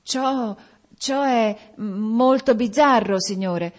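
A woman's voice: on the high side, very slow, pitched above the performer's own voice. A woman voicing a frightened male gravedigger who stammers his answers. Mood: terrified. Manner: stammering, fearful.

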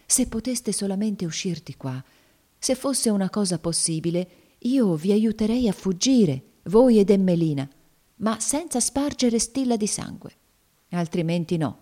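Woman reading a gentle faithful old man, earnest, pleading softly. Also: medium pitch, animated, a little slow, voice pushed up. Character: devout gentle older man, steadfast.

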